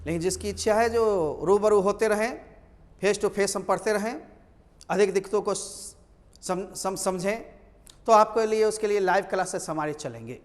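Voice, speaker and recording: A man's voice: sits high, unhurried, in a large hall. A male teacher, explaining English grammar in a lecture. He asks his own questions and answers them.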